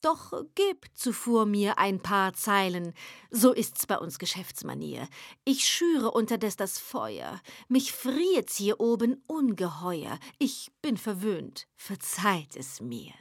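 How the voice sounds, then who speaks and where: A woman voicing a courteous, sly male devil who speaks in soft, low, purring politeness in a recited poem. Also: big pitch swings, slow, no echo, studio quality, exaggerated voice. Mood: sly courtesy.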